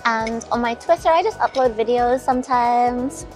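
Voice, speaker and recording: An interview guest in her twenties, from the Caribbean and later England, chats frankly over afternoon tea inside a large hotel lounge restaurant. She speaks at a moderate pace in a fairly high voice with faint music behind, recorded by a small recorder or phone set close across the table.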